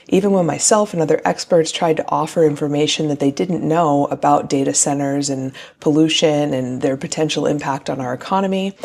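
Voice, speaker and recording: A woman in her forties from New Hampshire, giving an earnest, measured campaign address as a town council candidate. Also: deep voice, vocal fry, dark tone. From New Hampshire, USA.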